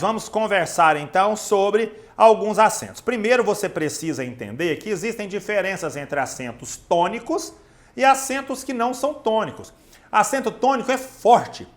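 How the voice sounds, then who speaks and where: A man with a Brazilian Portuguese accent giving an online grammar lesson, emphatic and speaking straight to the student. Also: high-pitched. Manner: emphatic, addresses the student directly. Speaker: Portuguese teacher.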